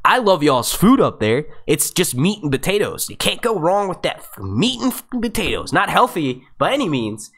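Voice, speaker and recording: Fairly high and sing-song, this young man's voice moves at a normal speed with few pauses and a fairly bright tone. He's a US YouTube host in his twenties reading live chat on a casual stream, rambling along with plenty of fillers and swearing.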